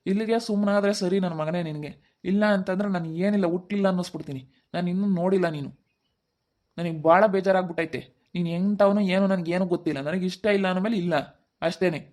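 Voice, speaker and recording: A man playing an angry middle-aged village father who scolds rapidly, speaking in an amateur family skit. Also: high-pitched, steady tone, natural voice. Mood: threatening. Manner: scolding, threatening, rapid outbursts.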